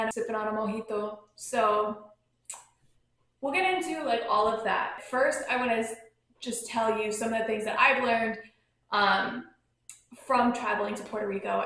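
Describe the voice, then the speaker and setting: A young woman hosts her show from home, talking in a loose, rambling way with plenty of filler words. Her voice sits a little high, and because it is recorded on a phone, it comes through with a very echoey room sound. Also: fairly bright tone. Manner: chatty and rambling, lots of "like" and "um". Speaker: podcast host. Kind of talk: casual travel chat. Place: at home near her dogs.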